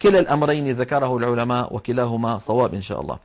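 A man teaching a Quran recitation lesson, explaining patiently and repeating words slowly to demonstrate. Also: medium pitch, darkish tone. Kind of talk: tajweed lesson with recited verses.

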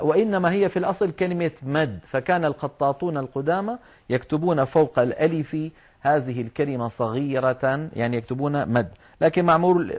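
A man teaching Quran recitation rules, explaining patiently and slowing down to demonstrate words. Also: medium pitch. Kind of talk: religious lesson on Quran script and recitation. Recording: dull lo-fi recording.

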